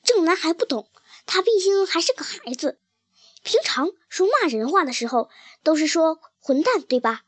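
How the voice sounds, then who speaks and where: A woman voicing a kind, tender-hearted mother who gently explains something sad to her little daughter, in a soft, sorrowful storybook reading. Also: very high voice, sing-song, moderate pace, no echo.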